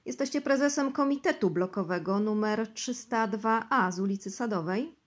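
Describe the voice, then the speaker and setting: A woman voicing a cool, measured male interrogator questioning a suspect in an audiobook. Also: mid-range voice, lightly acted.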